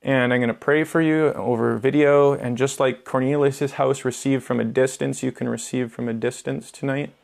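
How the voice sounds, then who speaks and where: A man's voice: medium pitch, steady tone, normal speed, creaky, hardly any pauses, darkish tone. A young man preaching informally, casual and earnest, with filler words and restarts. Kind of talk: informal sermon teaching.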